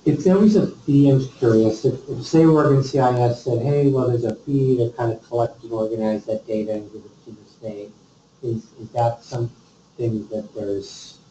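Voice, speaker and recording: A man's voice: mid-range voice, moderate pace, warm tone, a little hiss or hum. A man in a committee meeting discussion, leading the agenda and thinking aloud with frequent restarts. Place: meeting room. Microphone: distant room mic. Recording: dull, echoey meeting room from far off.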